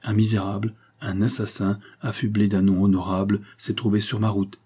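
A man's voice: fairly low pitch, level tone, moderate pace, mellow, slightly rough. A man reading the part of a proud young noblewoman in distress, pleading with impassioned dignity in an audiobook. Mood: proud, anguished.

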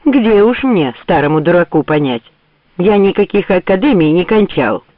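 A man's voice: sits high, big pitch swings, moderate pace, dry recording, pitched above the performer's own voice. A man voicing a grumbling, sarcastic old general in a mocking way. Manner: sneering, mocking. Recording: tinny phone-like dry audio.

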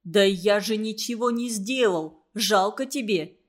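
A steady, sensible boy who leads the group and reasons patiently instead of arguing, as a woman reading a storybook puts him on. He speaks calmly and evenly, close to the reader's own voice. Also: medium pitch, a little slow, lightly acted. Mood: explaining. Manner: calm, reasoning. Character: calm, level-headed boy team leader.

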